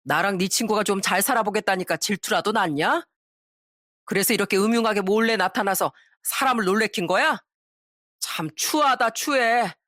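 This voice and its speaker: A woman's voice: medium pitch, moderate pace, fairly bright tone, no echo, studio quality, natural voice. Smug sneering young doctor, as a woman puts him on. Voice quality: sneering, boastful.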